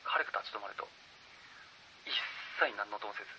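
A man telling a true ghost story, swinging from hushed murmurs to loud bursts, with dramatic pauses and sound effects. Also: fairly low pitch, slight background noise, poor audio.

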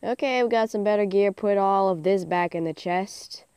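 Giggly and hyper, a teen gaming-channel host rambles through let's-play commentary, peppering it with "like." Her medium-pitched voice has a clean, darkish tone at a moderate pace. She's recorded on a phone's screen-recording mic, with no echo.

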